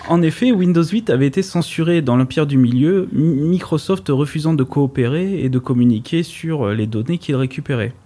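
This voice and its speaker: A man's voice: a little high, normal speed, dark tone. A man on a radio talk show reading a prepared segment with dry ironic humor, joining in the chat between passages.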